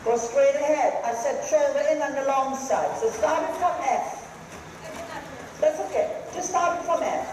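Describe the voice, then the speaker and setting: High-pitched riding instructor calling brisk, projected commands. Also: a little mellow. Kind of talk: live dressage coaching, short commands. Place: large echoey riding arena. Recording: very echoey hall, some noise.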